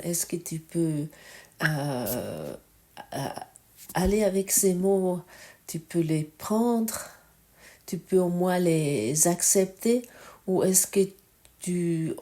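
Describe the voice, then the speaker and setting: A woman giving a spiritual teaching talk, reflective and halting, often asking the listener direct questions. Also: fairly low pitch, mellow. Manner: searching for words, halting.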